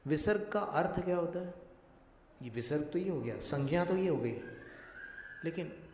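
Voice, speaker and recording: A male monk giving a religious discourse, teaching Sanskrit pronunciation slowly and deliberately and putting questions to his listeners. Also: fairly high pitch, animated, darkish tone, a little hiss or hum. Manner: slow, deliberate, questions the audience. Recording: echoey hall with long reverb.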